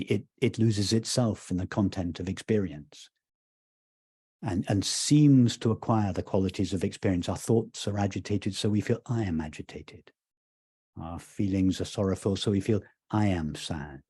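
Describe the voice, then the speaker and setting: A man speaks in a low, mellow voice with a husky edge. He explains spiritual ideas slowly and calmly, repeating words as he goes. The sound is dry and close. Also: no room sound. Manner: slow, repeats words, gentle emphasis. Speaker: spiritual teacher. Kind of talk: calm roundtable discussion.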